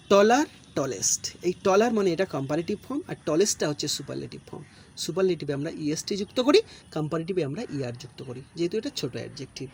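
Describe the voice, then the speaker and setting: Lively patient grammar teacher. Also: male voice, high-pitched, slightly rough. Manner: patient, repeats and explains each rule slowly. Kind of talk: recorded online lesson. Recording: faint background noise.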